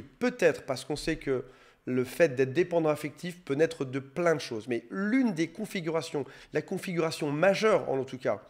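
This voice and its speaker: A man's voice: a little high, darkish tone. Casual French-speaking man explaining to viewers. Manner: casual and conversational, switching between formal and familiar address; light self-mocking asides. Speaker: YouTube explainer on emotional dependency. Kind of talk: direct-to-viewer educational talk.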